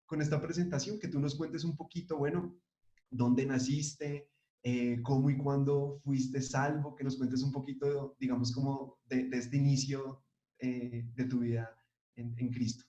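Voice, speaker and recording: A man interviewing a guest, asking questions in a halting, friendly way with many fillers. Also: medium pitch, level tone, dark tone. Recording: echoey, dull lo-fi room sound.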